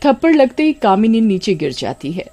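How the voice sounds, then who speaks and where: A woman narrating a scripted horror story for children in an even, clear storytelling voice. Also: mid-range voice, moderate pace.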